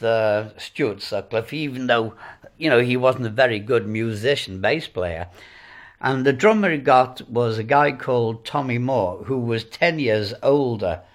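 A man with a Welsh accent, a former club owner and band manager, recalling old times in an interview with a dry, wry storytelling manner. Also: medium pitch.

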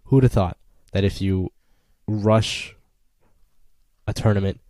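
A young man with a lowish voice chats about football on a podcast, sarcastic and full of opinions. The sound is close and dry, with no room echo at all. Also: fairly even intonation, slow pace, mellow. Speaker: podcast co-host. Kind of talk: casual football chat.

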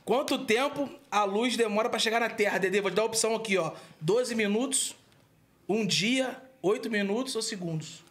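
A man's voice: high voice, normal speed, fairly bright tone, soft background music. A man, asking teasing quiz questions in casual chat. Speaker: quiz asker.

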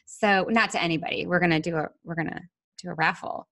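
Speaking fast in a steady, lowish, slightly bright voice, this podcast host mixes enthusiastic, conversational chat with moments from a prepared script, including a scripted intro.

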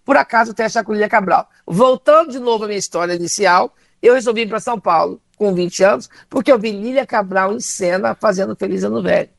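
A woman's voice: mid-range voice, a little fast, creaky, hardly any pauses, dry recording. A middle-aged woman from Minas Gerais with a Brazilian Portuguese accent, telling stories as a comedian guest, laughing often and acting out the dialogue. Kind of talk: animated anecdotal storytelling.

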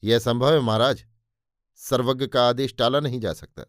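Male reader doing steady female attendant, firm, composed, dry close sound. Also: medium pitch, normal speed, dry recording, natural voice.

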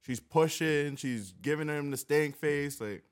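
A man's voice: a little high, unhurried. A young adult man, chatting casually in street slang as a podcast co-host. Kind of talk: casual chat.

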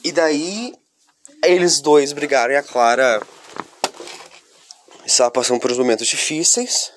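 Background noise accompanies this unhurried man, whose voice sits on the high side. He's a vlogger from Curitiba in southern Brazil, congested from a cold and rambling confessionally, casually, right to the camera.

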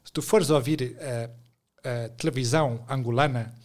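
A man's voice: mid-range voice, fairly even intonation, moderate pace. This man speaks with a European Portuguese accent. He co-hosts a casual podcast, and his talk is playful and rambling, often poking fun at himself. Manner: playful, rambling, self-mocking. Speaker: podcast co-host.

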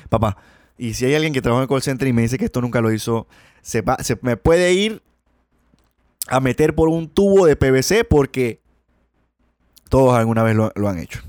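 A man's voice: mid-range voice, lively intonation, moderate pace, long pauses, a little mellow, no echo, studio quality. A man with a Colombian accent hosting a podcast, telling casual stories in a rambling, slangy way full of restarts. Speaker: podcast host. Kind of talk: casual storytelling monologue.

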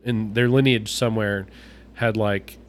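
A man's voice: lowish voice, steady tone, measured pace, a little hiss or hum. A young man co-hosting a podcast, chatting casually and rambling, often slipping into voices to quote people. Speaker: podcast co-host. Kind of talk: casual chat.

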